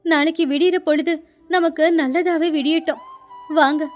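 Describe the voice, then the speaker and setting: A woman plays a devoted young wife in a storybook tale, her voice very high and gentle. She speaks soothingly and pleads softly. Faint music runs under her. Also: steady tone, moderate pace. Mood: tender, soothing. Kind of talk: storybook voice acting.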